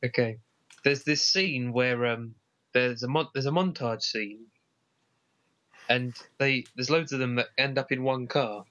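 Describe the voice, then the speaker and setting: A man's voice: mid-range voice, unhurried, fairly bright tone, lo-fi sound. A man co-hosting a casual comedy chat about films, rambling and correcting himself as he goes. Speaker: co-host.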